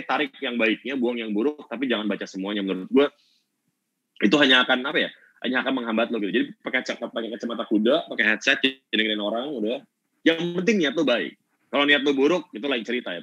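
A fast, fired-up man gives a casual workshop talk over a video call. His delivery swings from loud to quiet, and the call audio sounds dull and lo-fi. The sound is dry, with no room echo. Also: medium pitch. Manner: fiery, energetic, switches between loud and soft. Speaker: workshop speaker.

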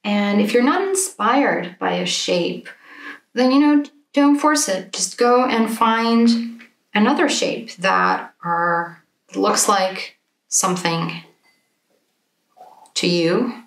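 A woman's voice: medium pitch, takes it slowly, gravelly. A woman teaching a drawing workshop, thinking aloud casually with many fillers as she works. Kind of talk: casual live demonstration. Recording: echoey room.

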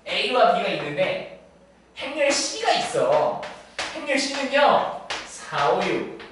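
Teacher lecturing in an echoey classroom. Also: male voice, sits high, big pitch swings, fairly bright tone. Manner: checks in constantly with quick tag questions to students. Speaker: math teacher. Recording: echoey room, distant mic, faint noise.

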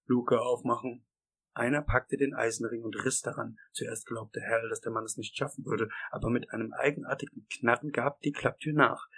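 A man reading a horror story aloud as scripted narration, in a measured, steady way. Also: mid-range voice, slightly rough, poor audio. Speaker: audiobook reader.

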